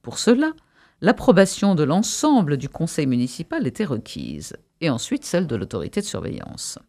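Expressive man reading a novel. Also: on the high side, moderate pace, no room sound. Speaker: radio presenter and reader.

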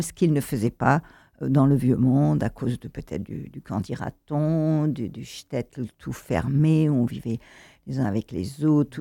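Gravelly low-toned woman presenting songs. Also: warm tone, dry recording, clean studio sound. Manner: hesitant, many fillers and restarts. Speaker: presenter of a show. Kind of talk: spoken introduction of songs.

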